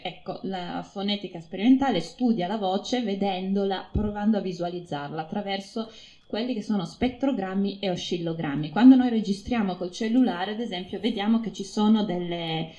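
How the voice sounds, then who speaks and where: A woman researcher giving an informal talk to an audience, explaining her field with many pauses and fillers. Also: mid-range voice, warm tone. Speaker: phonetics researcher speaking at an event. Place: room with a live audience.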